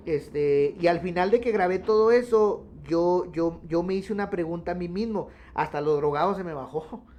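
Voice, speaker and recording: Radio testimony guest, man, somewhat higher voice, earnest, keeps restarting. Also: normal speed, highs cut off. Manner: earnest storytelling with many restarts.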